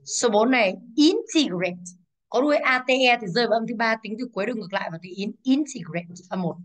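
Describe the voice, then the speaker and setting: A woman teacher with a fairly high voice walks a class through exam answers at a brisk clip. She stresses each English word and keeps checking that the students follow. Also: a bit bright.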